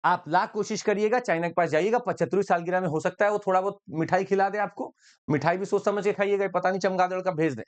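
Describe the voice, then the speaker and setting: A male exam-prep teacher lecturing in a chatty, lively style, joking and slipping in English phrases. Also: high-pitched.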